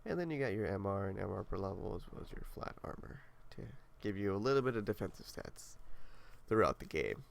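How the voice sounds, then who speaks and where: A young man who makes gaming videos casually walks through his game setup, rambling laid-back with many fillers. His congested, nasal voice is fairly low and gravelly, with big pitch swings and a fairly quick pace.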